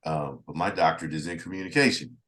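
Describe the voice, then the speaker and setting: A man's voice: very deep voice, fast talker. A man interviewing a guest, a music reviewer who talks casually and animatedly, acting out quotes. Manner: animated, acts out quotes with a rising voice.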